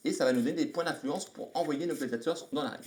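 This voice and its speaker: A man's voice: fairly high pitch, fast talker, darkish tone, a little hiss or hum. A man hosting a live stream, casually explaining board game rules while thinking aloud and greeting viewers. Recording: echoey room.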